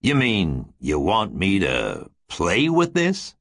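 A man voicing a surly, cold-hearted grown man who talks low and mutters. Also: wildly swooping pitch, slow pace, a bit bright, dry recording, full character voice. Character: surly, cold-hearted male weapons expert.

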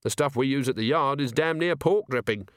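A man voicing a shrewd male watch commander in an audiobook, dry and gently probing. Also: medium pitch, brisk, no room sound, voice pushed up, natural voice. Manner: dry, gently coaxing questions.

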